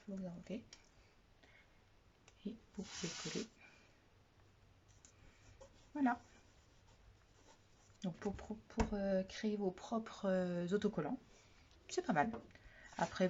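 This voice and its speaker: A soft-spoken woman demonstrating craft supplies in a chatty product haul vlog, often trailing off quietly, on a dull lo-fi recording with faint noise. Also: fairly low pitch. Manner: chatty, repeats "voilà" often. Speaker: craft vlogger.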